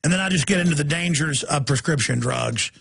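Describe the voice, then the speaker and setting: Gravelly-voiced ranting man. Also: a little high, brisk. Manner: ranting, emphatic, rising to shouts. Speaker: talk radio host. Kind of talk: talk radio monologue.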